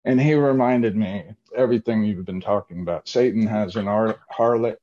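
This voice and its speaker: Low-voiced man, eager testimony, lo-fi. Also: normal speed, warm tone. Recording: dull lo-fi sound.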